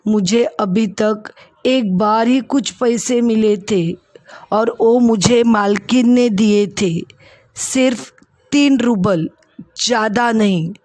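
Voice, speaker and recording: A woman playing a meek, trembling young maidservant who speaks in a raised, fearful voice. The reading is slow and close, with a dry sound. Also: fairly high pitch, a little mellow, no room sound. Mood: timid. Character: timid, frightened young maidservant.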